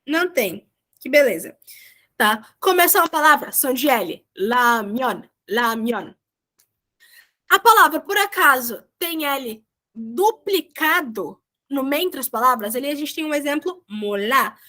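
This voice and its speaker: Woman, young adult, online teacher, slightly higher voice, chatty and encouraging. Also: animated, measured pace, bright, forceful tone. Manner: chatty, encouraging, drawls out example words. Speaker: language teacher. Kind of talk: online class explanation. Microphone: video call.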